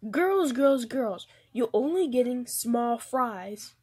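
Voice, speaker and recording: A woman's voice: on the high side, lively intonation, takes it slowly, darkish tone, slightly rough, full character voice. A woman voicing a patient, firm doll mother ordering for her daughters in a doll play. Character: weary doll mom with demanding daughters.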